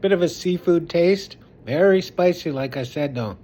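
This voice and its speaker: A man's voice: a little high, normal speed, a little mellow. A man casually reviewing food as a vlogger, chewing while he talks.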